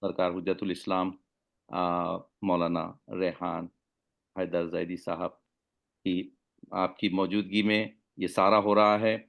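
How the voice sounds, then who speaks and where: Courteous low-voiced man moderating class. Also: flat delivery, creaky, lo-fi sound. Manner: courteous, formal, hesitant fillers. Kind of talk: polite online class moderation.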